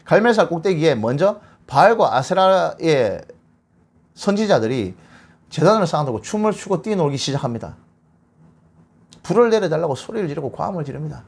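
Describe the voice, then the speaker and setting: A man giving a bible lecture, retelling scripture as a lively story and acting out the quotes. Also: fairly high pitch, a little fast, vocal fry, breathy edge.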